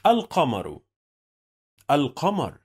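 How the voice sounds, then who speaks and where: A man with an Egyptian Arabic accent teaching reading, sounding out syllables slowly and repeating each word several times, explaining in two languages. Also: fairly high pitch, wildly swooping pitch, breathy edge. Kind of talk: slow syllable-by-syllable reading lesson.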